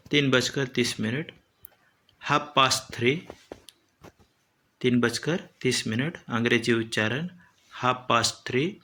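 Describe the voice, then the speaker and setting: A man teaching a lesson slowly and deliberately, repeating each term as he explains it. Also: mid-range voice, creaky, pushed and bright, a little hiss or hum.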